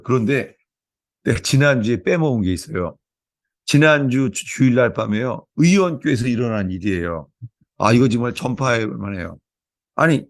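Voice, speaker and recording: Male pastor, sermon delivery, earnest storyteller, medium pitch, dry close sound. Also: dry recording. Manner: earnest, storytelling, many repetitions. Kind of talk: sermon with opening prayer.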